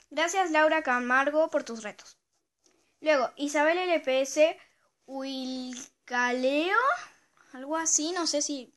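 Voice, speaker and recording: Girl w doing dares on her channel, high bright voice, chatty n giggly, phone mic. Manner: chatty, giggly, lively reactions. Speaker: channel host. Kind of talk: casual chat reading viewer dares.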